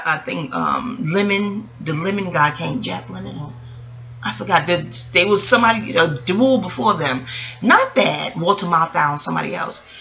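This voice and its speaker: Low-pitched with vocal fry, this American woman's voice comes across bright and forceful, though the recording is muffled. Vlogging in a relaxed, reflective way, she tells stories, wanders into tangents, and addresses her audience head-on.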